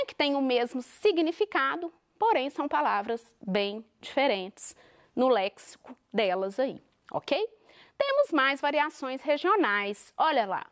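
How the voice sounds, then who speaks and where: Lively Minas Gerais woman teacher. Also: high-pitched. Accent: Minas Gerais Brazilian Portuguese. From Minas Gerais, Brazil. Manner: animated, explanatory, asks rhetorical questions. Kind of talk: televised classroom lesson.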